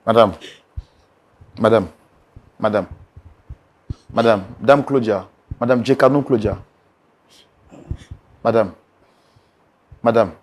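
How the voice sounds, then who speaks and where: A man mediating a couple's dispute, insistently repeating calls to calm down and sit. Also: fairly low pitch, slow pace, long pauses. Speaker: mediator host.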